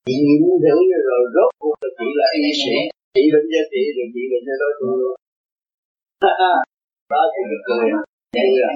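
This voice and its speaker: A man's voice: medium pitch, normal speed, long pauses, lo-fi sound, soft background music. A man teaching as a Buddhist teacher in an earnest dharma talk, often checking that his listener understands. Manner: earnest, repeating questions like "see?".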